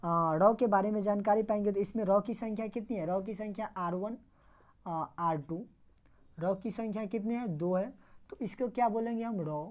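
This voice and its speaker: Woman teacher, soft warm voice, keeps asking and answering her own questions. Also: mid-range voice, normal speed, lo-fi sound. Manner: repeats questions and answers them herself, step by step. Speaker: math teacher. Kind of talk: classroom lecture.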